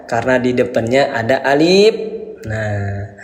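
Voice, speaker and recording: Slow, patient male Quran teacher, echoey. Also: medium pitch, very animated. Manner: repeats and quizzes with questions, then answers himself; addresses parents as Ayah Bunda. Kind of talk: slow, patient beginner lesson. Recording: echoey room with long reverb.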